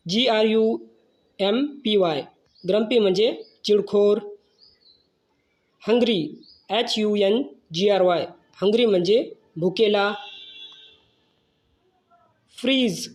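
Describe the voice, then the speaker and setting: A teacher with a mid-pitched voice speaks very slowly and deliberately, in a measured way. He spells each word out letter by letter, then explains what it means.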